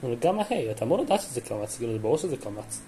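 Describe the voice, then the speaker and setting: Young man with a mellow, teasing voice. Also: medium pitch, sing-song, rough recording. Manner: teasing, quick to contradict. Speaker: podcast co-host. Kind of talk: casual chat. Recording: faint background noise.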